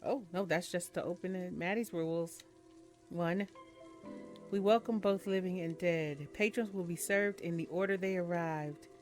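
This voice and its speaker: With a lowish, darkish voice at normal speed, this streamer reads game text from the screen during a casual let's-play. Between lines she murmurs chatty asides, all over the game's music.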